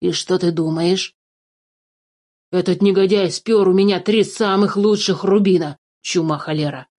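A woman voicing a greedy, fussy old male dwarf in a storybook reading, excitable and quick to curse. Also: lowish voice. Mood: indignant. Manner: fussy, excitable, keeps cursing.

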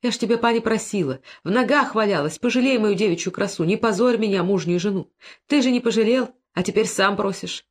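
A woman reading an audiobook, voicing a grieving young peasant wife who speaks softly and tearfully, hushing a child. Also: mid-range voice, fairly quick, slightly rough, natural voice. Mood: despairing. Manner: soft, tearful, lulling.

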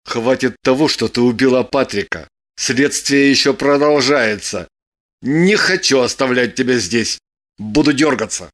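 A woman reading an audiobook voices a calm, firm man who teases his lover with dry mockery. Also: extremely low pitch, a little slow, voice pushed down. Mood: coolly mocking. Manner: calm, firm, dryly mocking. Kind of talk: audiobook character voice.

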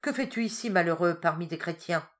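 A woman's voice: fairly low pitch, lively intonation, normal speed, close to an everyday voice. Woman doing a thundering old village priest. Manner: urgent, commanding exclamations.

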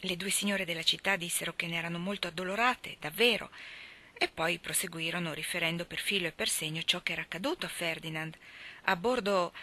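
A woman reading a literary novel aloud, measured and expressive, who drops to a near-whisper at quiet moments. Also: on the low side. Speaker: reader.

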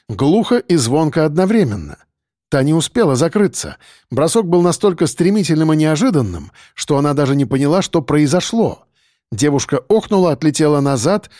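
A man narrating a story in a steady, measured storytelling manner. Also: fairly high pitch, no room sound, studio quality. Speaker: audiobook narrator. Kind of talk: scripted narration.

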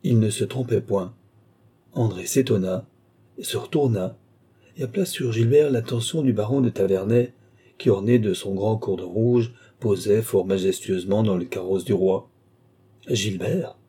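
Low, husky male audiobook narrator. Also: normal speed, dark tone.

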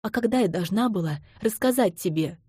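A woman reading the lines of a young woman who speaks softly and then cries out in desperation, in an audiobook. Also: mid-range voice, expressive, brisk, husky, no room sound, studio quality. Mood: desperate. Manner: soft voice breaking into pleading cries.

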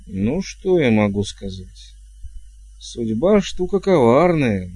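A man's voice: mid-range voice, expressive, unhurried, dark tone. A man voicing a blunt, wary old witch. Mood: evasive. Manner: curt, evasive replies.

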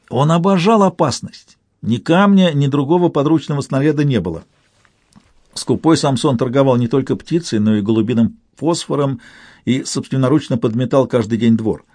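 A man narrating a literary audiobook in a steady, expressive storytelling manner. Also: medium pitch, moderate pace, dry recording, clean studio sound.

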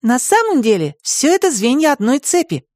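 A kind, bossy young girl, voiced by a male narrator, chides her friends and soothes a crying cub. The voice is high and bounces in pitch, recorded dry and close. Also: huge pitch swings, normal speed, a little mellow, no echo, heavily acted. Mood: chiding. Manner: soothing and chiding.

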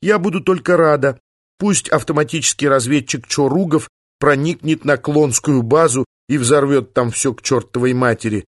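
A man reading an audiobook, voicing a lively young woman biologist who is bold and mischievous, eager and teasing. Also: mid-range voice, moderate pace, no room sound, studio quality, natural voice.

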